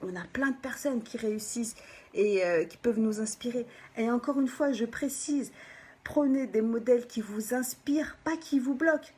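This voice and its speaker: A woman, a personal development coach, gives an animated motivational talk to viewers, often checking in with them and sometimes dropping into a soft whisper for emphasis. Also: on the high side, normal speed, breathy edge. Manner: animated, keeps checking in with the listener.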